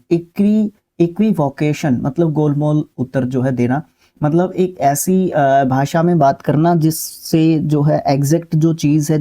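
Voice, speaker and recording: Mellow-voiced man teaching vocabulary. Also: on the high side. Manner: repetitive, with "ठीक है" check-ins and filler sounds. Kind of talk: explanatory lesson, talking through word lists.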